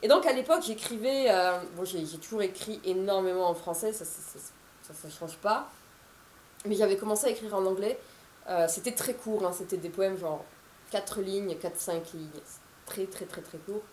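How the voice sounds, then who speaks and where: A woman's voice: mid-range voice, normal speed, a little mellow, reverberant, slight background noise. A woman in her thirties, an author, chatting to camera in a casual, rambling way with many fillers and restarts. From France. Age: 30s.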